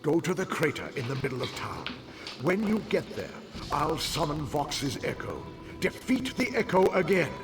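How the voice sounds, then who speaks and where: A man's voice: on the high side, sing-song. An actor playing the earnest, tormented spirit of a dead man in a fantasy game, speaking solemnly and dramatically. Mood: urgent. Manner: solemn, dramatic, deliberate delivery. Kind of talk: fantasy video game acting. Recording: game music behind the voice.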